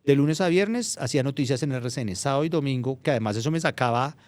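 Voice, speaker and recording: A middle-aged Colombian journalist, appearing as a guest in a casual interview, tells anecdotes at a fast clip in a medium-pitched voice. The recording is dry, and he often restarts his phrases, growing animated as he recounts stories.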